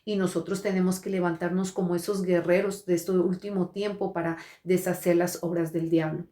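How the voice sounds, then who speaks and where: A woman's voice: on the low side, flat delivery, moderate pace, mellow. Earnest woman pastor preaching in an echoey room. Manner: hesitant, restarts and repeats words; earnest preaching, addresses listeners directly. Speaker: pastor and prophet. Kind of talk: testimony sermon. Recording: roomy echo.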